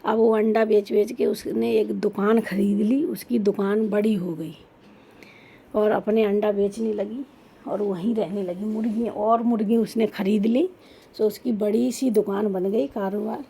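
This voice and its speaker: A woman's voice: medium pitch, fairly even intonation, unhurried, creaky, dark tone, husky. A woman retelling a folk story in a loose, informal way, with frequent restarts.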